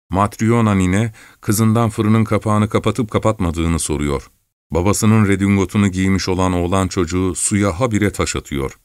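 A man narrating a story in the first person at a steady, measured pace. His voice sits low. The recording is dry and close, with no room sound. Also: dry recording. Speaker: audiobook narrator.

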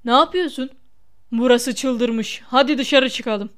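A woman's voice: high voice, slow, fairly bright tone. A woman reading aloud as a wizard father who speaks in a stiff, restrained manner.

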